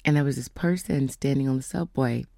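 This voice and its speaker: A woman telling a faith testimony in a casual storytelling way, slowing down and dropping to whispers for emphasis. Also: a bass voice, vocal fry, warm tone, no echo, studio quality. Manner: storytelling, acts out quoted voices; slows down for emphasis, drops to whispers. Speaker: speaker giving a testimony.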